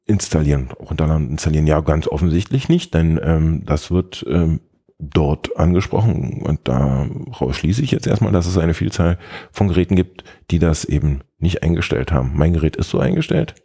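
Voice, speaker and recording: A man's voice: extremely low pitch, normal speed, dark tone, breathy edge. A man co-hosting a casual tech podcast, explaining step by step with many hesitations and fillers. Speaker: podcast co-host.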